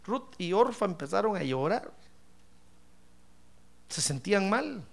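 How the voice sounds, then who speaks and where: A man's voice: sits high, very animated, measured pace, gravelly. A man preaching a sermon in church, emphatic and ironic, often calling his listener brother. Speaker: pastor.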